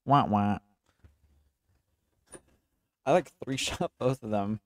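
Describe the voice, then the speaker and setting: A man's voice: mid-range voice, lively intonation, normal speed, no echo. A young man casually commenting while playing a game, chatty and laughing at himself. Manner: chatty, laughing, self-mocking. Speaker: gaming channel host.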